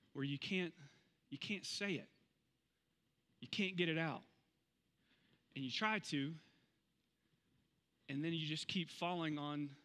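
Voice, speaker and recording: A man in his forties preaching a sermon on a church stage, conversational and emphatic, slowing down to stress key phrases. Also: a little high, a bit bright. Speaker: pastor. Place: large church stage, indoors. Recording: long reverb of a large hall.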